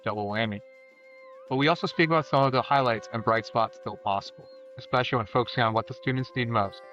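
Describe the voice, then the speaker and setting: A man's voice: medium pitch, fast talker, fairly bright tone. Male podcast host, hesitant and filler-heavy; muffled, lo-fi audio with faint background music. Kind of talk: podcast interview.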